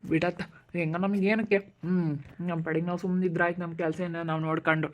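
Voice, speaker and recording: A woman playing a sharp-tongued, scolding village neighbour in an amateur skit. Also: on the low side, level tone, fast, close to an everyday voice. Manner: scolding, judgmental. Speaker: neighbour Meena.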